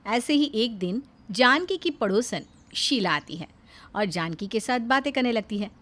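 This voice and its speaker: A woman narrating a cartoon story in a calm, measured storytelling way. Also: on the high side.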